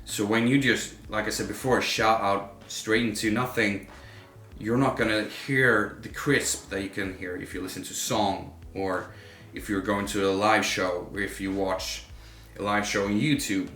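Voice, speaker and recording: A man's voice: fairly low pitch, steady tone, a little slow, fairly bright tone. A man giving casual, informal vocal coaching to camera, talking like a working vocalist. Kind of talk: casual instructional talk to camera. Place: room with a home studio setup. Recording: roomy echo, faint music behind.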